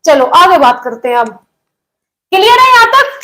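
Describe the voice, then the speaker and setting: A woman teacher with a very high voice leads a live online exam-prep class. She repeats key phrases again and again and keeps firing questions at her students. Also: very animated, moderate pace, pushed and bright, low-quality recording.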